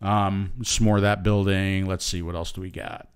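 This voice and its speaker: A man's voice: sits low, flat delivery, normal speed, smooth. A man co-hosting a casual chat, rambling and stammering through a joking story. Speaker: co-host.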